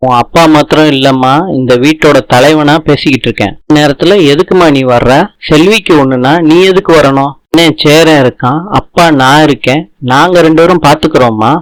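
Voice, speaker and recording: A man's voice: a little high, a little fast, no room sound, close to an everyday voice, poor audio. A man reading the lines of a stern elderly father who heads the household, in his own plain voice.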